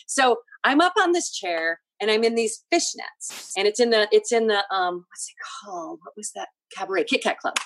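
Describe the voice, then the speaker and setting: A middle-aged woman, a podcast guest, telling an animated story with laughter and acted-out quotes. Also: medium pitch, normal speed, few pauses, poor audio. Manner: lively, laughing, acts out quoted lines. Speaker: podcast guest, theater artistic director.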